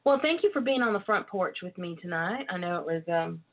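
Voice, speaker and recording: A woman's voice: lowish voice, lively intonation, fairly quick, a little hiss or hum. A woman presents a casual radio show with a flirty, coquettish delivery. She stretches out key words as she chats to listeners. The sound is thin and narrow, like a telephone line. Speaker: radio talk show host. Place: internet call-in radio show over a phone line.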